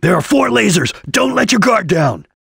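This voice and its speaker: A serious ninja chameleon from a video game. The voice is heavily husky and breathy, recorded close and dry. The delivery is solemn, terse and watchful, with a disciplined formality. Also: male voice, sits high, very animated, normal speed, fairly bright tone, no echo, exaggerated voice. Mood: urgent, alert. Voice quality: husky, gravelly. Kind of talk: English video game voice acting.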